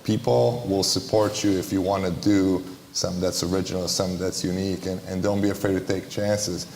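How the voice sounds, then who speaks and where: A Romanian man who runs a basketball business answers questions on a live panel in a large hall. His low, flat, gravelly voice moves fairly quickly, and he comes across as earnest and blunt, often repeating phrases. The hall is echoey, with faint room noise in the background.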